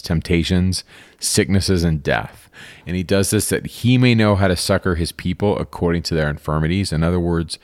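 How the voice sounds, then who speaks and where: A man's voice: deep voice, no echo, studio quality. A man teaching scripture on a podcast, reading verses aloud and then explaining them in casual, everyday words.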